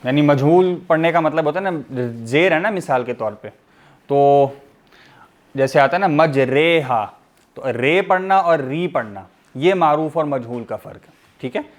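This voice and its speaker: A man gives a recorded pronunciation lesson in a fairly high voice. He explains step by step with patience and pauses often to check that listeners follow. When he demonstrates, he stretches each letter sound out slowly. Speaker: teacher.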